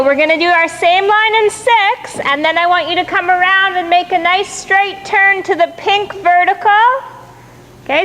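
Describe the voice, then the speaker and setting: A woman coaching a riding lesson, projecting brisk, encouraging commands to her student in a riding arena. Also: very high-pitched, a bit bright, poor audio. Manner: encouraging, praising the rider. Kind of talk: live riding lesson instruction.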